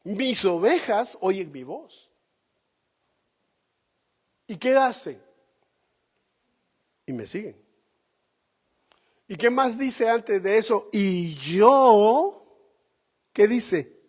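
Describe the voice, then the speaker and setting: A man preaching a sermon as pastor, slow and emphatic, asking the congregation rhetorical questions. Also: sits high, expressive, a little mellow, in a large hall.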